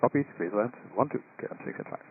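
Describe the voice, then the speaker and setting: Man, airline pilot over the cockpit radio, clipped radio phrasing with hesitant fillers, mid-pitched, thin radio band, faint static. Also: expressive, racing, phone-quality sound. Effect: pilot talking over a cockpit radio. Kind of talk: air traffic radio exchange.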